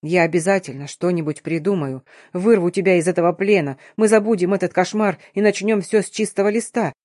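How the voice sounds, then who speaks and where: A woman voicing a wounded young husband who speaks low and tenderly in an audiobook romance. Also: fairly even intonation, brisk, a little mellow, dry recording, clean studio sound, lightly acted.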